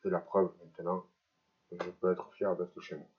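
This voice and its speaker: Low-voiced man talking through dental braces. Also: flat delivery, moderate pace, highs cut off. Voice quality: speech slightly impeded by dental braces. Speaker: vlogger. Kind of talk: personal vlog confession to camera.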